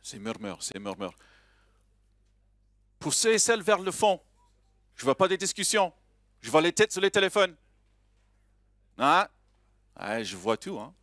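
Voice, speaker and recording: A man emceeing a live conference with a slight foreign accent. His voice sits a little high and swoops animatedly as he jokes with the crowd, and the sound is close and dry. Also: normal speed, long pauses, dry recording. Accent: a slight foreign accent in French. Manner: lively, joking, chatty with the audience. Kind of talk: live conference opening address. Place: conference hall stage.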